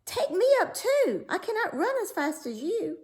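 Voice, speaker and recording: A woman voicing an earnest, pleading talking frog in a storybook, bargaining slowly. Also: very high voice, big pitch swings, darkish tone, pitched above the performer's own voice. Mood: urgent, pleading. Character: ugly talking frog, pleading suitor to a princess. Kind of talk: storybook read-aloud character voice.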